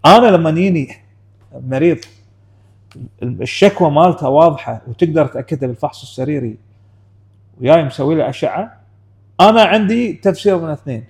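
Fast-talking man. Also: on the high side, lively intonation, a little mellow. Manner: explaining, frequent "you know how?" asides. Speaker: clinician guest. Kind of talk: casual clinical discussion.

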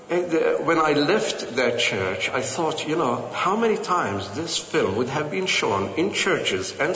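Brief: man from Jerusalem, earnest, lively storyteller, echoey lo-fi hall recording. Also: medium pitch, a little hiss or hum. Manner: earnest, lively, with frequent fillers and quoted dialogue. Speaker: speaker recounting personal experiences. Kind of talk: personal storytelling talk. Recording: echoey hall, dull lo-fi sound.

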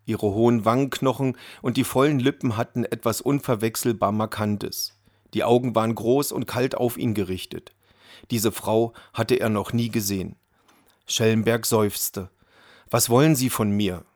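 This scripted audiobook narration comes from a man with a mid-range voice who keeps his reading steady and measured. The sound is dry and studio-grade.

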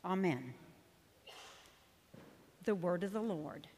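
Slow, solemn woman reading in echoing church. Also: fairly low pitch, animated, a little mellow. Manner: measured, solemn. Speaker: lector. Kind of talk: formal scripture reading. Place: large reverberant church interior. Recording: echoing church with long reverb.

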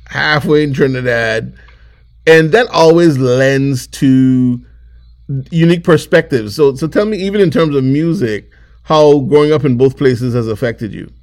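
A man hosting an interview show, first narrating an intro, then asking questions in a lively way with frequent restarts. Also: mid-range voice, measured pace. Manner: lively, repeats words and restarts often as he asks questions. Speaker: show host.

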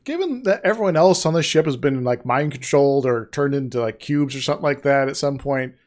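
A man's voice: mid-range voice, lively intonation, a little fast, darkish tone. A man co-hosting a podcast, chatting casually and joking as he reacts to a recap, laughing often. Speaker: podcast co-host.

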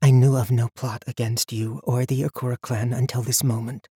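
A man voicing a woman under oath who speaks heavy and quiet. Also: mid-range voice, flat delivery, moderate pace, breathy edge, no echo, studio quality, voice pushed up. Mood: solemn.

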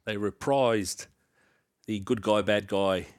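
A man's voice: on the low side, fairly even intonation, slow pace, no echo, clean studio sound. A man co-hosting a podcast in casual chat, laid-back and chiming in with short agreements and jokes. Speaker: podcast co-host.

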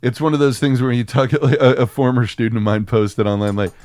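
This co-host of a podcast, an American man from Texas, rants sarcastically and swears through casual, opinionated conversation. His mid-range voice is brisk with a darkish tone, recorded at studio quality with no echo.

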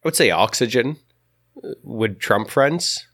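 Podcast co-host, male, nasal and congested from a cold, deadpan wit. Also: mid-range voice, slow. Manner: dry, deadpan jokes. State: stuffy nose from a cold. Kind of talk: casual chat.

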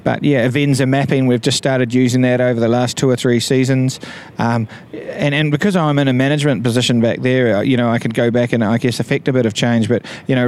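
New Zealand firefighter, mid-pitch male voice, talks in halting bursts with frequent fillers. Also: darkish tone, clean tone. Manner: halting, many ums and restarts, good-humoured. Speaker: visiting wildfire task force leader. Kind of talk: interview answers.

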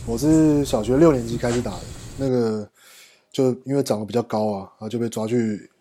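A man's voice: mid-range voice, fairly even intonation, a little fast, warm tone, slight background noise. A man from Taiwan with a Taiwanese Mandarin accent, chatting casually with friends as a guest. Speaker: podcast guest.

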